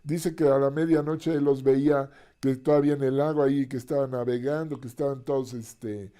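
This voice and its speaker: A man's voice: mid-range voice, steady tone, fairly quick, warm tone, smooth. A male pastor teaching a Bible passage in a conversational sermon, with asides and sudden screams.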